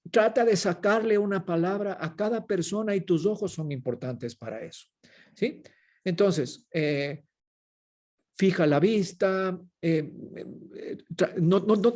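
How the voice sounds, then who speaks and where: A man with a Mexican accent giving an energetic, emphatic webinar lesson as a public speaking coach over a video call. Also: sits high. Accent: Mexican Spanish.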